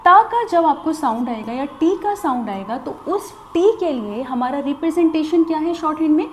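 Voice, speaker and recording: Lively high-voiced woman teaching. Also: normal speed, slight background noise. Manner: patient, explanatory, repeats "theek hai". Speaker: shorthand teacher. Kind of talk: recorded lesson.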